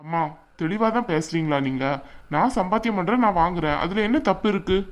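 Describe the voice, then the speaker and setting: A woman's voice: fairly low pitch, animated, quick pace, lightly acted. A woman doing a stubborn young husband. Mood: insistent. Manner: insistent, argumentative. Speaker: son. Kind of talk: cartoon voice acting.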